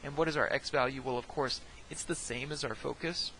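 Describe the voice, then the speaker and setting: A man's voice: mid-range voice, fairly even intonation, fairly quick, sharp tone, a little hiss or hum, rough recording. A man teaching a recorded math lesson, talking each step through, often checking in with "right?" and dropping jokey, self-deprecating asides.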